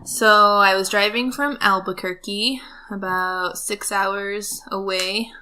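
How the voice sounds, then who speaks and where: A woman's voice: medium pitch, steady tone, slow pace, pushed and bright, slight background noise. A woman guest on a podcast, casually telling a rambling story with lots of ums. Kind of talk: casual chat.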